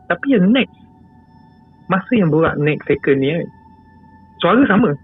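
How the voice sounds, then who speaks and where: A Malaysian-accented man with a high, expressive, somewhat breathy voice speaks at a measured pace, telling a casual story about a scary experience as a guest. He often repeats words and lets out small laughs. Faint music accompanies the tinny, phone-like sound.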